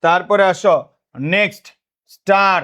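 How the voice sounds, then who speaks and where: High-voiced man teaching, call-and-response. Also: level tone, sharp tone. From Bangladesh. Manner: repetitive call-and-response questioning; dictates notes slowly, repeating phrases. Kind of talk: online class lecture.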